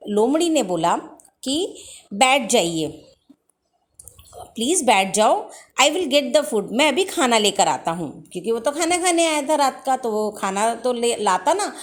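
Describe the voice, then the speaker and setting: A woman teacher reads a children's story slowly in English and explains each line at length in Hindi. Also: fairly high pitch, very animated. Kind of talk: bilingual storybook lesson.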